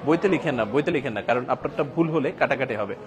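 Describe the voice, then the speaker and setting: A man's voice: mid-range voice, rapid-fire, crowd noise. A man teaching a classroom lesson, posing questions and answering them himself, with the odd joke. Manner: explains by asking and answering his own questions, joking. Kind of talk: classroom lecture.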